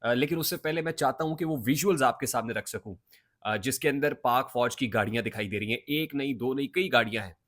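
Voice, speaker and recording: A man's voice: mid-range voice, a bit bright. Emphatic man commenting on political news. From Pakistan. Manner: emphatic, with hesitant filler pauses.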